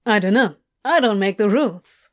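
A woman voicing a sleepy, grumbling male demon who talks in a slow, drowsy drawl. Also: medium pitch, expressive, lightly acted. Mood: insistent.

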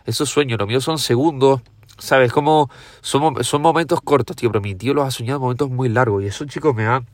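A young man talks to his listeners at a rapid clip, loose and informal, throwing in swear words and calling them "guys" all the time. His voice sits at an ordinary pitch, and the sound is dry and close with no room around it. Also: dry recording. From Tenerife, Canary Islands, Spain. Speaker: podcast host. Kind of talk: casual monologue to listeners.

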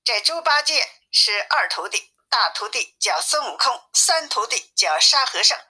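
Bright-voiced woman reading a storybook. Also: a little high, big pitch swings, a little slow, husky. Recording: tinny phone-like sound.

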